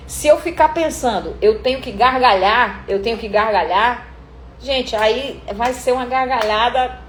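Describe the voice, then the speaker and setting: Lively woman acting coach, echoey room. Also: fairly high pitch. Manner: lively, acts out quotes and scenes, swears casually. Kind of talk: live teaching talk on voice acting. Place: room indoors, live stream. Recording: echoey room with faint background noise.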